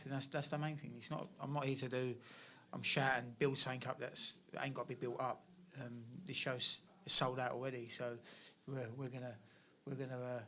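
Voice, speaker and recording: A man speaking informally as a boxer promoting a show, halting, repetitive and polite. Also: mid-range voice, pushed and bright. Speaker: boxer at a press conference.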